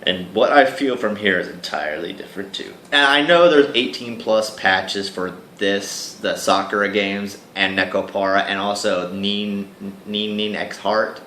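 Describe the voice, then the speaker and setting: A man's voice: on the low side, a little slow, echoey room, slight background noise, rough recording. A man hosting a let's play, reading a visual novel aloud and chatting with viewers between lines. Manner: chatty, animated, asides to viewers. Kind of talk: casual game commentary with dramatic reading.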